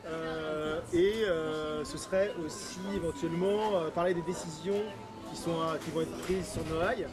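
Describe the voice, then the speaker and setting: A man's voice: fairly high pitch, steady tone, moderate pace, over music. A man in casual discussion, explaining his project hesitantly and searching for words. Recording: noisy crowd outdoors. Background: loud crowd in an urban street.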